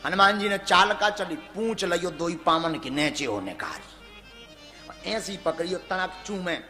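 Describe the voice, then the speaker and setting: A man preaches, his high, bright voice leaping up and down as he dramatizes a devotional tale and breaks into chanted verse. It rings through a large echoing hall, with soft music playing underneath. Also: expressive, measured pace. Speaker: religious storyteller. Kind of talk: devotional sermon storytelling. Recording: echoey hall with music behind.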